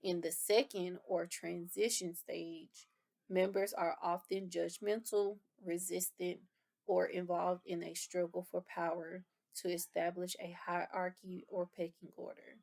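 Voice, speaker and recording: Woman instructor, explains and rephrases terms, fry-heavy voice. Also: lowish voice, flat delivery, a little slow, darkish tone. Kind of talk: lecture review.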